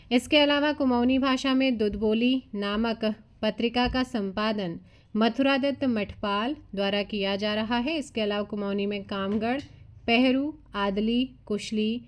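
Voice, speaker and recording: Woman reading exam notes aloud. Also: on the high side. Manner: reads long lists of names with asides to students. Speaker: exam coaching teacher.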